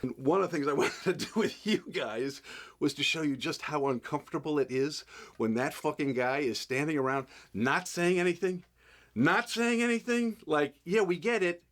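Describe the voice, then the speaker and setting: A man's voice: on the high side, normal speed, fairly bright tone. A man being interviewed as an actor, telling a profane anecdote animatedly and acting out the other people's voices.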